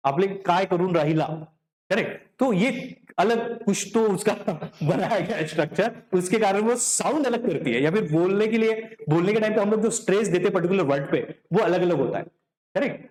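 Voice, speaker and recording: Lecturer, male, high voice, classroom lecture full of "correct?" check-ins, echoey room. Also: normal speed, a little mellow. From Vidarbha, Maharashtra. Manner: checks in with the class often, asking "correct?" and "clear?". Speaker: teacher. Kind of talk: classroom lecture in Hindi mixed with English.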